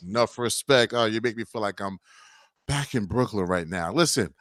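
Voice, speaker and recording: A man's voice: fairly low pitch, animated, moderate pace, fairly bright tone, dry recording, studio quality. A man hosting a radio interview, talking in an enthusiastic, hyped-up way. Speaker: radio host.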